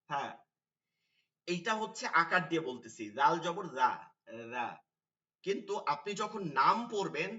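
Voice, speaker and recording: A man teaching an online Quran pronunciation class, spelling out Arabic letters slowly and drawing out each sound. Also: on the high side, pushed and bright, distant mic, muffled recording.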